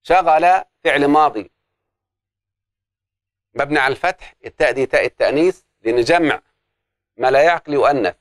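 A man's voice: a little high, a little fast, long pauses, dry recording, clean studio sound. A man teaching an Arabic grammar lesson, explaining step by step and putting questions to the class that he answers himself.

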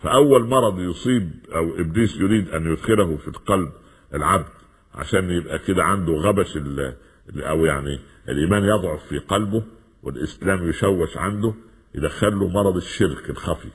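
A man with an Egyptian accent preaching a sermon in a lively, questioning style, mixing formal and everyday speech. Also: sits low, fast talker, slightly rough, long reverb tail. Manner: lively, rhetorical questions, mixes classical and colloquial Arabic.

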